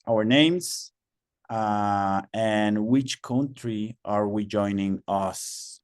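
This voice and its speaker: Moderating a webinar via video call, a Mexican man who grew up speaking Spanish talks slowly, patiently repeats instructions, and leans on many fillers. His pitch is medium, and the sound is clean studio audio without echo.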